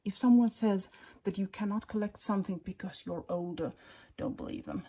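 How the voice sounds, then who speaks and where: A Finnish woman with a husky, whispery, medium-pitched voice gives a casual narrated tour of her collection at the display cabinets in her home. She speaks softly and unhurriedly, often in a whisper, with many ums.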